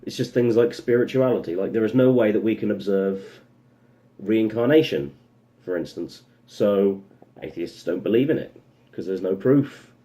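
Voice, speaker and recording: A man's voice: on the low side, normal speed, warm tone. A young man giving a casual opinion monologue as a vlogger, rambling and sarcastic, breaking off into asides. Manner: rambling, sarcastic, full of self-interrupting asides.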